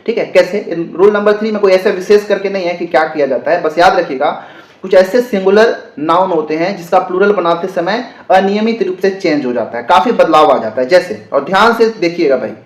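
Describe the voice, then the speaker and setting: A man with a fairly high voice gives a patient, step-by-step grammar lesson to exam students. He spells words out letter by letter and keeps checking that everyone follows. The sound carries a noticeable room echo. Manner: explains slowly, spells words letter by letter, repeats and checks understanding. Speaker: exam-prep English grammar teacher. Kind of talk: classroom-style grammar lesson.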